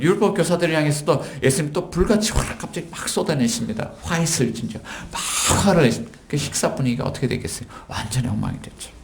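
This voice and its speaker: A man preaching a sermon as pastor, telling stories and acting out quoted lines with sudden jumps in pitch. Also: gravelly, slight background noise. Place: church sanctuary. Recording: echoey church hall.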